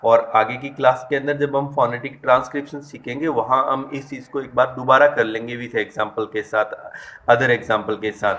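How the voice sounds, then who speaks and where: In an online lesson, a man teaches English vowel sounds step by step, stressing example words and addressing students directly. He hesitates and corrects himself often. His voice is medium-pitched and fairly bright, with fairly even intonation at normal speed.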